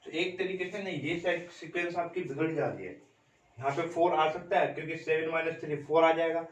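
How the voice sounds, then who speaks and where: A man's voice: a little high, brisk, far from the mic. A man, teaching a maths lesson and explaining each step, often asking his students how much it comes to. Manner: steady step-by-step explaining, repeated check-in questions to students. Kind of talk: classroom lecture at a board. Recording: roomy echo, voice from off mic.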